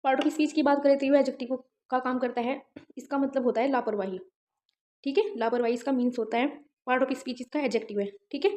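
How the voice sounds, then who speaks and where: In an exam-prep vocabulary class, a woman explains words through memory tricks and often checks whether students keep up. Her voice is high and a little mellow, her intonation fairly even, and her pace quick, on a dull, lo-fi recording.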